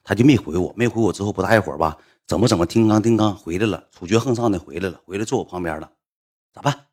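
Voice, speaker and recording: A man with a Northeastern Mandarin accent telling a story in casual chat, animated and acting out the voices of the people in it. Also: fairly low pitch, fast talker, husky. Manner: animated, acts out quoted voices.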